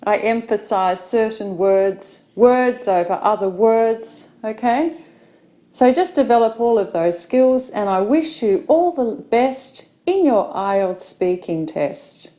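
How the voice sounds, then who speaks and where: A woman's voice: on the high side, animated, slow, dark tone. A middle-aged Australian woman, an English teacher, giving a practice speaking talk with many fillers.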